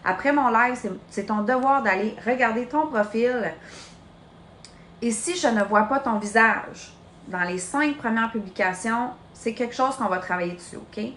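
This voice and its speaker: A woman's voice: a little high, normal speed, fairly bright tone, roomy sound, slight background noise. A woman in her late twenties with a Québécois French accent, coaching her sales team in a chatty, direct live training. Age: late 20s. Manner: chatty, direct, addresses listener as "tu". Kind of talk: live social media training.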